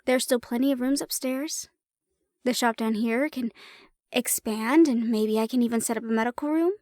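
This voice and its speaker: In a fantasy roleplay audio drama, a woman plays an affectionate, teasing human healer and shopkeeper who is partnered with a dragon. Her natural voice is high and soft, recorded close and very dry. She speaks intimately and warmly to her partner, taking her time and leaving pauses.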